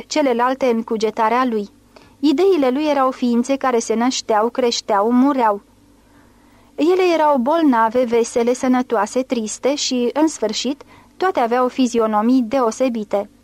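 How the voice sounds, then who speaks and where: A woman's voice: fairly high pitch, no room sound, close to an everyday voice. A woman reading as a pompous male surgeon. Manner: grandiose orating. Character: pompous male surgeon recounting a fantastic dream.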